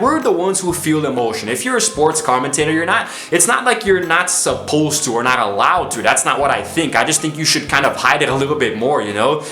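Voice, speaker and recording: Here a tired, low-energy Brazilian man talks through his views in a chatty vlog shot on his camera's own mic, leaning on "you know" a lot. The voice is mid-range with a sharp edge, and the recording echoes.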